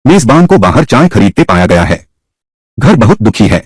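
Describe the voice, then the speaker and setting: A man dubs a whole drama alone, voicing each role in turn. His voice is husky and his pitch swings widely between characters. The recording is dry and close. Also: sing-song, moderate pace, no echo. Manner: voices every character himself with shifting pitch. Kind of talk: single-voice dub of a drama.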